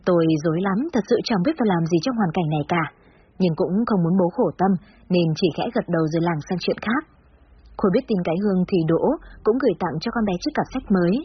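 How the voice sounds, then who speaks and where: A woman's voice: on the low side, fast, muffled recording, a little hiss or hum. A woman narrating a first-person story in a reflective, confiding way.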